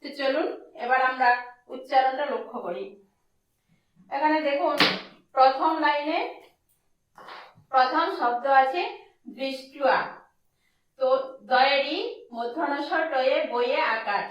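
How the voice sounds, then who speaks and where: Slow high-voiced woman teaching recitation. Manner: slow, syllable-by-syllable explanation. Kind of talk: recitation lesson. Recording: echoey, distant, dull lo-fi.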